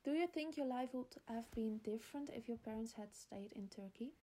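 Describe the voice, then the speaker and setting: Female interviewer, scripted questions, slightly high, warm and dark tone. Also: normal speed.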